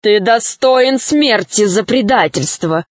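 A woman's voice: mid-range voice, lively intonation, no echo. A woman putting on a gloating villain. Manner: slow, menacing, gloating. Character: sinister gloating male villain.

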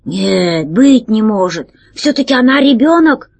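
A woman's voice: animated, a little slow, creaky, darkish tone, husky, full character voice. A woman voicing a jolly, greedy and cowardly male space pirate in a storybook reading, with a pleading, whiny delivery. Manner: pleading, higher and whinier than the narration.

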